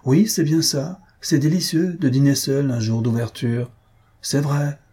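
A man voicing a lonely, kind country gentleman who grumbles and reproaches his friend. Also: mid-range voice, moderate pace, breathy edge. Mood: grumbling.

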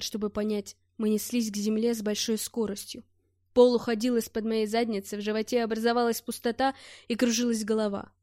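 A woman narrating an audiobook in an expressive storytelling voice. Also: fairly high pitch, no echo. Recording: dry close studio sound.

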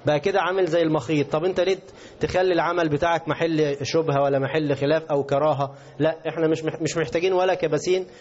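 A man's voice: fairly high pitch, steady tone, rapid-fire, darkish tone, slight background noise. A man with an Egyptian Arabic accent teaching a religious lesson, asking his class questions as he explains. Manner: interactive, asks the class questions. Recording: dull lo-fi recording.

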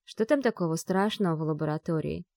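A woman's voice: low voice, a little fast, vocal fry, darkish tone, no echo, clean studio sound. A woman reading the part of an earnest young woman who asks anxious questions in a storybook reading.

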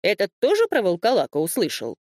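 A woman's voice: medium pitch, huge pitch swings, quick pace, a little mellow, no room sound, studio quality. Woman doing a grumbling old beaver. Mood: gruff. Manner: grumbling, scolding. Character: gruff, fussy male beaver.

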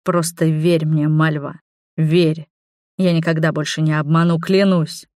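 Woman narrator playing an insistent young male lover, low, deliberate, dry audiobook sound. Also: little pitch movement, a little mellow, no room sound. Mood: insistent pleading. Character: passionate young man, a stubborn lover.

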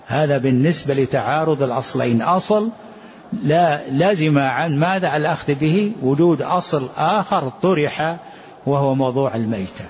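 A man's voice: a little high, normal speed, slight background noise. Man teaching law, asking rhetorical questions. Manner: poses rhetorical questions and answers them; addresses listeners directly. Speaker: Islamic jurisprudence teacher. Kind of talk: explaining a legal text in a lesson. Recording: dull lo-fi lesson recording.

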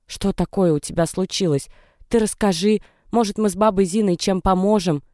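Brief: narrator playing a level-headed young woman, earnest and reproachful, warm and smooth, dry studio read. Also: mid-range voice, normal speed, dry recording, voice pushed up, lightly acted. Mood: bewildered. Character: young sensible woman friend. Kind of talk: audiobook character reading.

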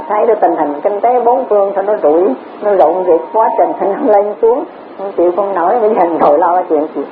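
Teacher on a tinny tape. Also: female voice, medium pitch, fairly quick. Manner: repetitive, rhetorical questions, chuckles often. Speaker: Buddhist Dharma teacher. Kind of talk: Dharma talk. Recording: tinny lo-fi recording with faint hiss.

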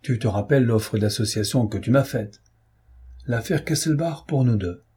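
A man voicing a curt, contemptuous gentleman thief who threatens his rival, in an audiobook reading. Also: medium pitch, normal speed, husky. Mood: menacing. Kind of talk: audiobook character voice.

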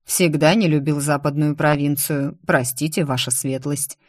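A woman reading the part of a stern imperial prince in an audiobook, with clipped, unhurried lines. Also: low-pitched, steady tone, dry recording. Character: stern imperial prince, grown man, commanding.

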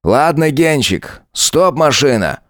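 A man's voice: medium pitch, lively intonation, slow, fairly bright tone, no room sound, studio quality, voice pushed up. A man doing a sneering cruel police lieutenant. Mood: mocking. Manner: sneering, taunting.

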